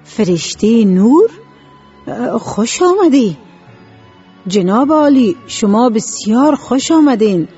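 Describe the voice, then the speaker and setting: A woman's voice: fairly high pitch, lively intonation, dark tone, breathy edge, lo-fi sound, faint music behind, pitched above the performer's own voice. A woman voicing a stubborn, irritable village man who exclaims a lot. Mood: delighted.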